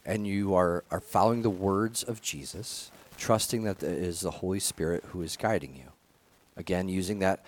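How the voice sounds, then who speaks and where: Earnest man preaching a sermon, lowish voice. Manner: earnest, restarts phrases, fillers. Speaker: pastor. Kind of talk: conversational sermon.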